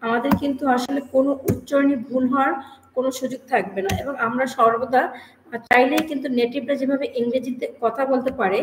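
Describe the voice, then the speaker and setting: A woman teaches a spoken lesson in a high, light voice. She says each word and then repeats it slowly so students can copy it, writing as she goes. The sound has a roomy echo. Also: steady tone, background noise. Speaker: English teacher.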